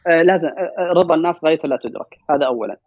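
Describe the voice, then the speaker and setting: A Saudi man speaks in a quick, husky rush, piling up repeated words to drive home his advice. His voice sits a bit high for a man. The recording is dry and slightly dull. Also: dry recording. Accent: Saudi Gulf Arabic. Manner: fast, emphatic, repeats words for stress. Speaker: podcast guest. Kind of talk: casual storytelling and advice.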